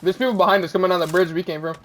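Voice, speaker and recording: A young man with a high, steady voice talks rapid-fire over his own gameplay, keeping the commentary casual and laid-back. He chuckles often and pokes fun at himself. The dull lo-fi mic suits this gaming commentator.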